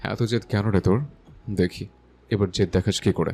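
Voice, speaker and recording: A man's voice: on the low side, steady tone, moderate pace, creaky, a little mellow, faint music behind. A man playing a domineering young man who teases and bosses around the woman he loves, yet sounds affectionate, in an audio love story. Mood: teasing. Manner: teasing, bossy, affectionate.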